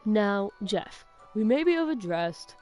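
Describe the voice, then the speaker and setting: A woman's voice: mid-range voice, very animated, slow pace, a little mellow, soft background music. An earnest father in a read-aloud creepy story, as a woman voices him, speaking up to his son. The voice stays close to the reader's own. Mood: lecturing. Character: concerned father in a suit.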